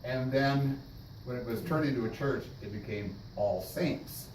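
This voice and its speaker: A man leading a casual church class discussion, thoughtful and halting, with many restarts. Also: mid-range voice, a little mellow. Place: church meeting room. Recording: echoey room, distant mic, noisy.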